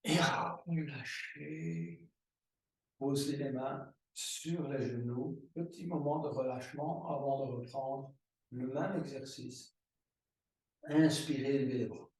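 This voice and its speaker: A man teaching a yoga class, giving slow, calm breathing and movement cues. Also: mid-range voice, distant mic. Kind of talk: guided yoga class instruction. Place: room recorded as an online class. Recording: roomy echo, voice from afar.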